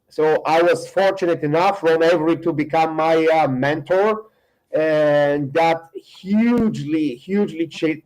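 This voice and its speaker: A middle-aged man with a Bulgarian accent, a guest in a casual podcast interview, speaking haltingly with many fillers and restarts. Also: on the high side, darkish tone, rough recording. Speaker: guest, firearms instructor.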